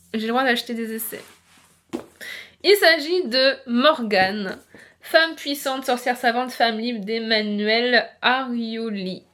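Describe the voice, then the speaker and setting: Une jeune femme qui parle de ses livres face caméra, sur un ton décontracté, bavard et décousu, avec beaucoup d'hésitations. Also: female voice, fairly high pitch, fairly bright tone. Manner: chatty, rambling, many fillers and restarts. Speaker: book vlogger. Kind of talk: casual chat to camera.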